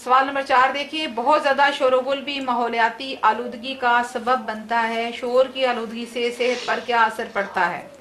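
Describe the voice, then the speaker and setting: Woman teacher doing an online class, high bright voice, explains words as she goes. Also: fairly even intonation, moderate pace, few pauses, a little hiss or hum. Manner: explains terms and reads answers aloud.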